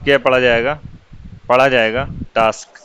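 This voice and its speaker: A man with an Urdu accent teaching English words, dictating slowly and repeating each meaning for students to copy. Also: medium pitch, steady tone, a bit bright, a little hiss or hum, low-quality recording. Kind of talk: vocabulary lesson dictation.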